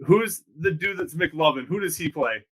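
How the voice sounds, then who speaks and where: A man's voice: on the high side, moderate pace, husky, rough recording. A man co-hosting a podcast in casual chat, leaning on fillers like "you know what I mean.".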